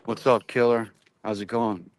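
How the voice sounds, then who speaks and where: A man chatting casually about sports in a slangy, animated way. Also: fairly low pitch, normal speed, slight background noise.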